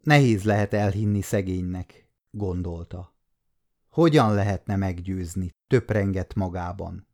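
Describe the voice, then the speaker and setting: A man in his fifties reading a novel aloud as an audiobook narrator, calm and measured. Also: low-pitched. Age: 50s. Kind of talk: scripted narration.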